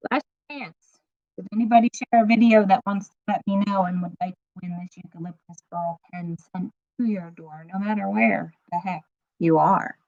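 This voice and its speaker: A woman's voice: medium pitch, steady tone, moderate pace, a little mellow, no echo, dull audio. A woman co-hosting a casual live stream chat, playful and teasing.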